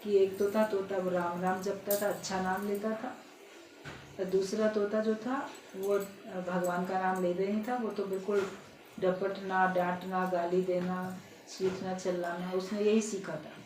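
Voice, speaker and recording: A woman's voice: mid-range voice, little pitch movement, unhurried, a little mellow, a little hiss or hum. A woman giving a spiritual discourse, telling a parable in an earnest, instructive way. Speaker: spiritual speaker. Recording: roomy sound, distant mic, faint ambience.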